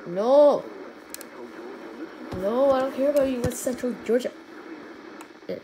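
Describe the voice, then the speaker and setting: Emergency alert tones and sirens clutter the background as a woman with a high, slightly slow voice runs a casual gadget demonstration. As a hobbyist video host, she talks informally and murmurs asides to the device.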